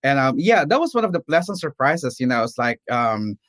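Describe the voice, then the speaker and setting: A middle-aged man from the Philippines, a nurse and professor, talking as a guest in a casual interview with many pauses and restarts. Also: mid-range voice, sing-song, a bit bright, no echo. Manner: hesitant, many fillers and restarts.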